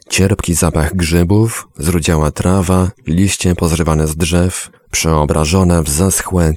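Male audiobook narrator, measured, somber, very low voice, lively pitch, dry close sound. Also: vocal fry, dry recording.

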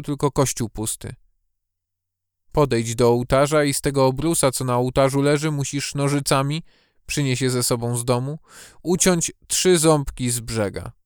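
A man reading a storybook who voices a mysterious fortune-teller woman, calm and kindly, giving soothing, reassuring instructions in a clear, smooth voice. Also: mid-range voice, dry recording, clean studio sound, close to an everyday voice.

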